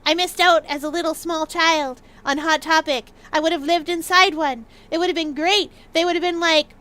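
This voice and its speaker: Excitable high-pitched woman livestreamer. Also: normal speed. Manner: excitable, bouncy, repeats words for emphasis. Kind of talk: playful livestream chat.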